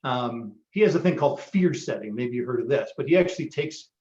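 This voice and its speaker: A man's voice: mid-range voice, animated, a little fast, warm tone. Fired-up man giving a motivational workshop. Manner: motivational, pep-talk delivery with frequent ums. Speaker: marketing workshop host. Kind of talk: live online workshop presentation. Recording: roomy, dull lo-fi sound.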